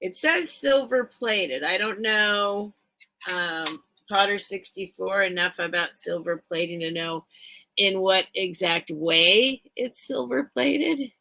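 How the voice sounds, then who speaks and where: Bright, slow-talking woman hosting a live sale. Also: mid-range voice, creaky, a little hiss or hum, low-quality recording. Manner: rambling, thinks aloud, chatty. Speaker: online seller, host of live sales. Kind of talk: casual livestream sales chat.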